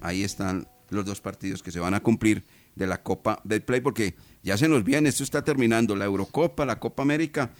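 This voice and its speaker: A man's voice: on the low side, a little fast, no room sound. A man hosting a sports radio show, leading the talk and passing it to his co-hosts. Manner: leads the show, hands off to co-hosts.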